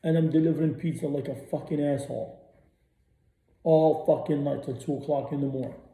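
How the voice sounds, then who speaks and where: A man rants on a radio show, blunt and profane, and he hammers his points again and again. His voice is very dark and sits a little high. The room around him sounds echoey. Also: steady tone, fairly quick. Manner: blunt, profane, repeats himself. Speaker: radio host. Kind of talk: ranting monologue.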